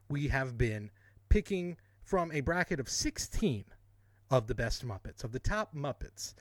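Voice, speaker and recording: A man's voice: medium pitch, dry recording. A man co-hosting a podcast in casual chat, rambling and correcting himself as he goes, often laughing. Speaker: podcast co-host.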